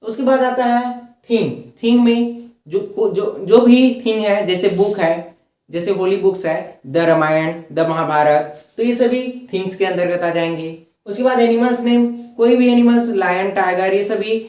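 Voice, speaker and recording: A man's voice: sits high, unhurried, darkish tone, roomy sound. A male teacher explaining a grammar lesson. He repeats each point and asks questions that he then answers himself.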